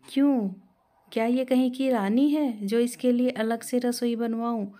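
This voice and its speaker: A woman voicing a harsh, greedy older mother-in-law who scolds and taunts in a raised, shrill voice. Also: fairly even intonation, a little slow, darkish tone, lightly acted. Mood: scolding.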